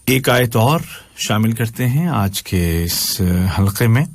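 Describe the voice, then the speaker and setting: A man from Pakistan teaching Quran recitation, patiently correcting pronunciation and slowly chanting the verses. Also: mid-range voice, expressive, vocal fry, no echo. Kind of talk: tajweed lesson, explaining and reciting.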